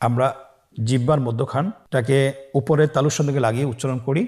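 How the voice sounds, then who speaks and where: A man teaching Quran letter pronunciation step by step, slowly drawing out each letter for the listener to repeat. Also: mid-range voice, fairly even intonation, darkish tone. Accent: Bangladeshi Bengali. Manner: slow, drawn-out model pronunciations for the listener to repeat.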